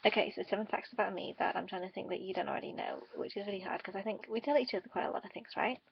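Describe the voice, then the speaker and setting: A tired woman rambling casually to camera in a subdued vlog, on a dull, low-quality recording. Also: racing, creaky, slightly rough. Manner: rambling, subdued and quieter than usual. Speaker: vlogger. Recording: dull lo-fi dry home recording.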